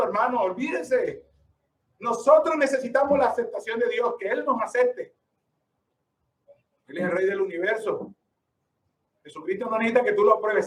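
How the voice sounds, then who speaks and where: A high-pitched male preacher delivers an emphatic sermon full of rhetorical questions. He calls out to his listeners as brother. The sound is roomy and echoing, picked up from some distance.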